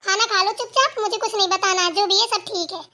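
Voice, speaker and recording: A woman's voice: extremely high pitch, brisk, sharp tone. A woman voicing a defiant young daughter-in-law in a cartoon, assertive and determined to study. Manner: pleading then defiant, assertive. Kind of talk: cartoon voice acting.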